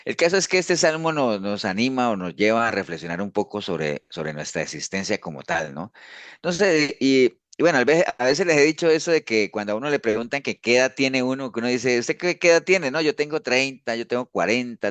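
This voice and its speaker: The pastor's mid-range voice is sing-song, a little fast and fairly bright, in a dry recording. Teaching discipleship informally, he keeps things conversational, with restarts and repeated "¿no?" question tags.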